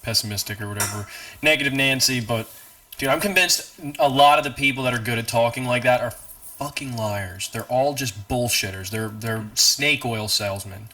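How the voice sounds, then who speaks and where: A man's voice: medium pitch, normal speed, bright, forceful tone. A man co-hosting a casual podcast, blunt, profane and cynical. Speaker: podcast co-host. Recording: distant from the mic.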